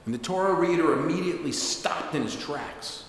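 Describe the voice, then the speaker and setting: A man's voice: on the high side, animated, moderate pace. Male rabbi, conversational sermon storyteller, echoing hall with faint hiss. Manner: conversational, with asides. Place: synagogue sanctuary.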